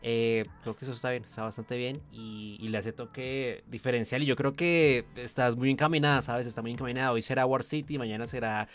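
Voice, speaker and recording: A man's voice: mid-range voice, steady tone, fairly quick, few pauses, faint music behind. Hesitant man hosting an interview. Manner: hesitant, many fillers, encouraging. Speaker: podcast host. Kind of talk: casual interview chat.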